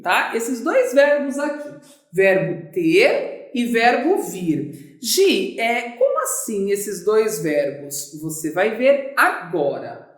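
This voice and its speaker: A Brazilian woman teaching an online grammar lesson, chatty, asking and answering her own questions. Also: on the high side. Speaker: Portuguese teacher. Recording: echoey room.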